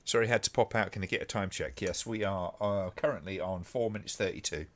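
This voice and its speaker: Reacting to old clips on his live stream, a man from the UK chats loosely, laughing and filling gaps with filler words. He sits low in pitch, sounds a bit bright, and talks briskly.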